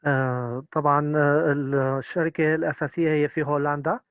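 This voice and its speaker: A man's voice: fairly high pitch, little pitch movement, racing, a bit bright, clean tone, no room sound. A man, interpreting a lecture consecutively and hesitating with many filler sounds.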